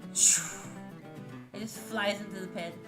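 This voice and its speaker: A woman running a tabletop game as game master, excitable and animated. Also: mid-range voice, takes it slowly, over music.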